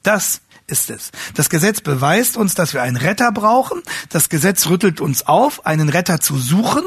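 A man teaching a class on how to preach, earnest and restating his words as he searches for phrasing, rising higher and louder when he stresses a point. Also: big pitch swings, moderate pace, breathy edge, no room sound. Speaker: homiletics teacher. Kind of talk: lecture on preaching.

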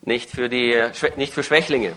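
A man's voice: medium pitch, fairly even intonation, normal speed, a bit bright. A man interpreting a sermon live, phrase by phrase, with the odd hesitation and self-correction.

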